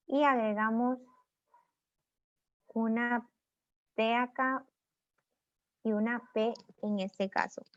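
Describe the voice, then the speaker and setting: A woman's voice: on the high side, no room sound. A woman teaching an online English grammar lesson, patiently explaining rules step by step. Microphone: computer mic on a video lesson. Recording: dull, dry lo-fi recording.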